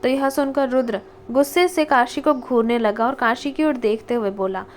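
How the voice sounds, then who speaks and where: Female audiobook narrator for a romance story, steady storytelling, somewhat high voice. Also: normal speed, a little hiss or hum. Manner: steady storytelling, reads dialogue tags.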